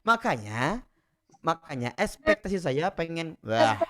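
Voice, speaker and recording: Man giving an animated religious lesson. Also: a little high, unhurried, over a noisy crowd. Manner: animated storytelling, often addresses the audience directly. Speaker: Quran recitation teacher. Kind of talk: casual Islamic study lecture.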